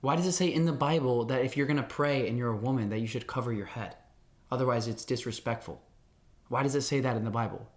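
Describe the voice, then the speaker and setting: A young man hosting a livestream, chatting casually and playfully with his viewers, rambling through questions and answering messages. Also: mid-range voice. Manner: rambling, playful, talks to chat. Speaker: livestream host.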